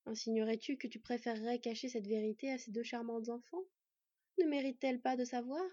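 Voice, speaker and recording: A woman voicing a cunning male hunter who lures his prey with slow, mocking, honeyed words, in an audiobook reading. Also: on the high side, steady tone, warm tone, breathy edge, dry recording, dull audio. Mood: coaxing. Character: sly cunning male hunter villain, smooth-talking.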